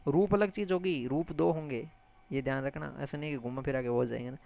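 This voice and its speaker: A man teaching an exam-prep lesson, animated, repeating key terms and addressing listeners as friends, with English words mixed into his speech. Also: medium pitch, a little fast, gravelly. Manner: mixes English words into lecture.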